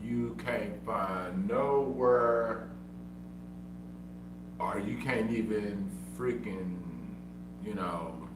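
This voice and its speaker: In a fairly low voice, a man who stutters draws out his words and leaves long pauses during a casual streamed monologue. He insists, repeats, and defends himself. Expect echo, a hum, and a mic set well back.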